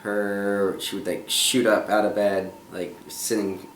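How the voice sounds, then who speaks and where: A man's voice: lowish voice, flat delivery, takes it slowly, reverberant, slight background noise. A young man telling stories in casual chat beside his wife, easygoing and acting out what was said. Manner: easygoing, acts out quotes. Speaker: husband and co-host.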